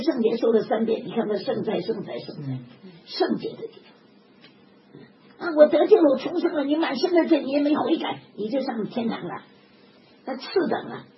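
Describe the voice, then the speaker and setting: An older woman preaching a sermon in an animated, emphatic way, often chuckling. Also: sits high. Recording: dull lo-fi recording with background noise.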